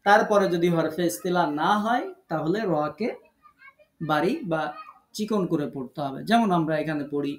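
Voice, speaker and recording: A man teaching Quran recitation rules in an online lesson, patiently repeating each rule and drawing out example words slowly. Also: fairly high pitch, lively intonation. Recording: echoey room.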